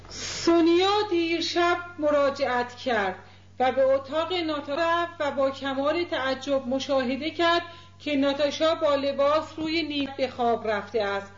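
A woman narrating a novel as an audiobook in a measured, even reading. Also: high-pitched. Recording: dull echoey recording.

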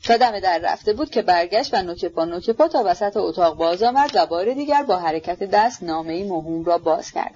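A woman's voice: mid-range voice, a little mellow, slight background noise. Woman narrating a novel, muffled audio. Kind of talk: scripted literary narration.

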